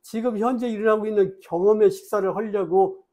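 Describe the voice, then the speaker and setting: Male dharma lecturer with a high voice, lively storyteller who acts out his characters. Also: fairly quick. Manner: plain, explanatory lecturing.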